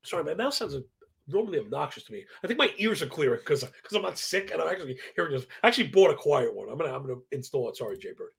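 High-pitched, creaky-voiced man talking baseball bets. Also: big pitch swings, rapid-fire. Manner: slangy, asks "right?" as a constant tag; self-described professorial, rattles off statistics. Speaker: sports betting analyst, live stream host. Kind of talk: casual, stat-heavy baseball betting commentary.

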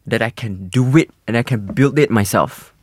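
A man's voice: medium pitch, normal speed, slightly rough, no room sound, studio quality. A Malaysian man chatting casually as a podcast guest, in slang English freely mixed with Malay. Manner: animated, informal code-switching with Malay particles. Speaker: podcast guest, singer and actor.

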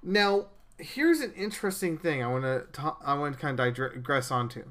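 A man's voice: fairly high pitch, animated, normal speed, fairly bright tone. Earnest man preaching on a podcast. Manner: earnest, preachy, with frequent restarts and stammers. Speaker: podcast host.

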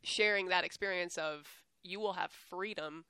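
A woman in her thirties from San Antonio, Texas, an athletics staff director, talks as a guest in a casual interview. Her slightly slow, low but bright voice sounds forceful and clean in a dry recording, and she stays earnest and upbeat, laughing often and repeating words.

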